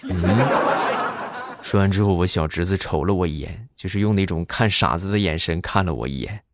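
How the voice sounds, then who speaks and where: A man's voice: sits low, brisk, no echo, studio quality. A man performing a stand-up comedy monologue, telling stories with jokey asides and rhetorical questions.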